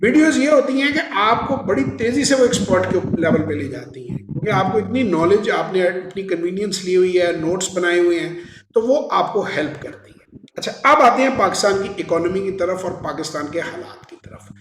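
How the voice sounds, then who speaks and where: A man's voice: sits high, expressive, reverberant, a little hiss or hum. A man who hosts a finance channel, explaining investing in an earnest, teacherly way and mixing in English phrases. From Pakistan. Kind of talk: informal lecture to camera.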